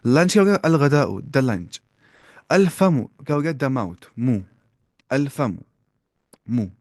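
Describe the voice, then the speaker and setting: A man teaching a beginners' Arabic class, asking his students questions and repeating each word slowly. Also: mid-range voice, animated, a little mellow, dry recording, clean studio sound. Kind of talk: classroom lesson.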